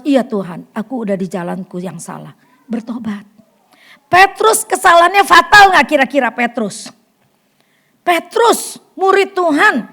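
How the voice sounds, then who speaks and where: A woman preaching a sermon to a fellowship group in a church hall, animated, acting out quotes and swinging from loud to hushed. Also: on the high side, gravelly. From Indonesia. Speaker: women's fellowship leader.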